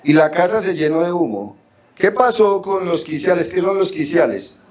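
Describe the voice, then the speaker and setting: Speaking at a normal speed with lively intonation, a high-pitched Colombian man preaches a Bible study in a church hall, with a little hiss or hum on the audio. He asks the congregation questions and supplies the answers, stretching out key words as he reads verses.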